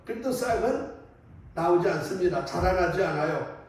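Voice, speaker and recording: A man's voice: sits high, expressive, normal speed, darkish tone. A man preaching a sermon as a priest, telling a story in a conversational way and asking the congregation questions. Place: church. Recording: echoey church from a distant mic.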